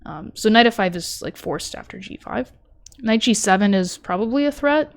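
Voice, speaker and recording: A woman's voice: medium pitch, expressive, normal speed. Chatty young woman talking through chess moves. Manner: chatty, self-deprecating, thinks aloud with many fillers. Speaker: chess streamer reviewing her tournament game. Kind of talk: casual live-stream commentary.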